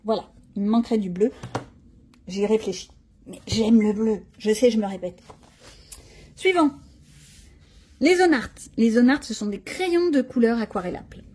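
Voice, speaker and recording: A woman's voice: fairly high pitch, warm tone, husky. A middle-aged woman chatting casually about her art supplies, thinking aloud as she demonstrates them, with frank slangy asides. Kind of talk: casual show-and-tell chat.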